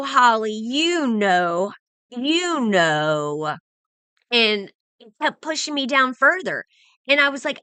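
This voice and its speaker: Bright-voiced woman telling her story. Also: mid-range voice, no echo. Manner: earnest, emotional, with frequent restarts. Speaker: vlogger. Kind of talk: personal storytelling.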